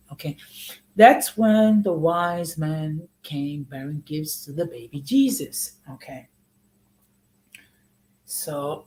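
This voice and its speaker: This U.S. host, a man in his sixties with a slightly high voice, runs a conversational live-stream and keeps checking in with "okay?" The recording is of low quality.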